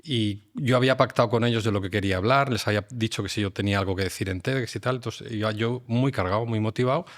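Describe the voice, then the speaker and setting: A man's voice: lowish voice, fast talker, hardly any pauses. A man, a scientist and university lecturer, reflectively telling personal stories as a podcast guest. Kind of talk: casual podcast conversation.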